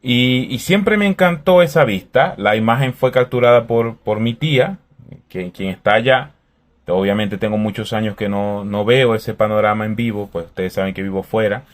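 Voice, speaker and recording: Calm man reflecting on faith. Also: fairly low pitch, normal speed. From Venezuela. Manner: calm, thoughtful, conversational.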